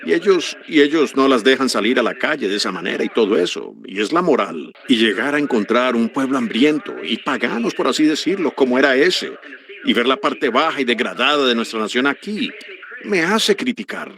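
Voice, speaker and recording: A man preaching a sermon, earnest and animated, breaking into sudden high exclamations. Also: fairly quick.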